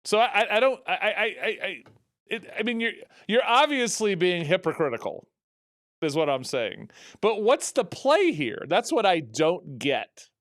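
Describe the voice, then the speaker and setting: A man's voice: sits high, lively intonation, moderate pace, fairly bright tone, dry recording, studio quality. A man hosting a political talk show, rambling and sarcastic, with many restarts. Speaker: radio talk show host.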